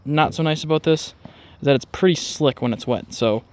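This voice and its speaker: A man with a somewhat high voice vlogs outdoors in a driveway next to a truck. At a moderate pace, he narrates a casual walkaround in a rambling, informal way.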